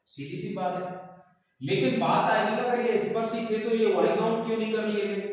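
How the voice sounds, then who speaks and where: A man teaching a Hindi grammar lesson for exams, asking questions and answering them himself, often dropping his pitch at the end of a point. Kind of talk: exam-prep lesson. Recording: very echoey room with long reverb, voice far from the mic.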